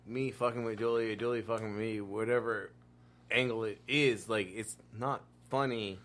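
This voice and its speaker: A man's voice: fairly low pitch, fairly even intonation, moderate pace, a bit bright. A man in casual chat who talks like a frat bro, slangy and full of swearing. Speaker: reality show contestant.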